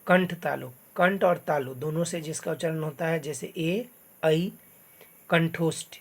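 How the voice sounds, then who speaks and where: A teacher giving a slow step-by-step lesson, naming sounds one by one in a patient manner, recorded on a phone screen recorder. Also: mid-range voice. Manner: spells out letters one by one, patient. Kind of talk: slow step-by-step classroom explanation.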